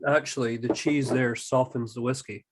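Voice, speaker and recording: A man chatting casually over a whisky and cheese tasting and telling lively stories with many restarts. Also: mid-range voice, normal speed, noisy background. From Scotland. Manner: lively storyteller, restarts his sentences. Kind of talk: casual tasting chat and anecdotes.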